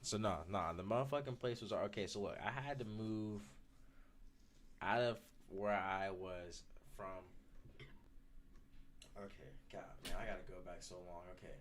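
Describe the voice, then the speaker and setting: A man's voice: fairly low pitch, moderate pace, a little hiss or hum. A man chatting casually in frat-bro slang, rambling and swearing as he tells stories on a podcast. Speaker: podcast host. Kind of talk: casual chat, rambling storytelling.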